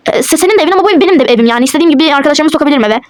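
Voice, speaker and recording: A woman's voice: high voice, expressive, racing. A woman voicing a defiant young wife in a toy role-play, with curt, dismissive retorts.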